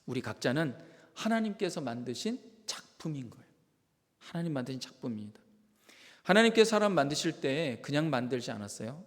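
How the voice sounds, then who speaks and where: A male pastor giving a Sunday sermon in a church sanctuary, telling a story with animated delivery and drawing out key words for emphasis. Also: on the high side, brisk. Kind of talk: Korean sermon. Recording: long reverb of a church hall.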